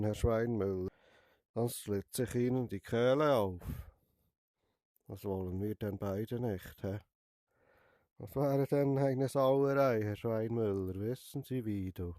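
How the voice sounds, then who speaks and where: Here a young, cold-stricken gamer with a Swiss German accent riffs playfully as a barber in a VR game, poking fun and adding a questioning "hä?" to his sentences. He speaks slowly with frequent pauses in a dark, mid-range voice, on a dry, studio-quality recording.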